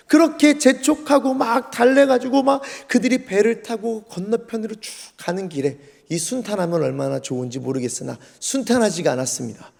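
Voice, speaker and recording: Lively, high-voiced pastor with gravelly edges. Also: male voice. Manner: lively storytelling, acts out scenes. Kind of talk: sermon. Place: church sanctuary. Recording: long church hall reverb.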